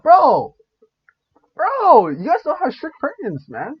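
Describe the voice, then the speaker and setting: A man reacting on camera in blunt, slangy casual talk, thinking out loud as he goes. His pitch jumps around a lot. The sound is dull and lo-fi. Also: wildly swooping pitch, slow pace. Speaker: reaction video host.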